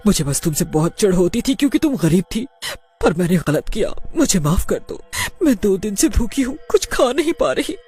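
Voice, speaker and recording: A cruel schoolteacher gone to pieces, as a woman narrator plays her, shrieks and stammers in a shrill, frantic voice far above a normal speaking pitch. The cartoon story has a faint music bed behind it. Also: very animated, normal speed, dark tone, husky. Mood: terrified. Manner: shrill, stammering screams for help. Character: cruel female schoolteacher, panicky and terrified.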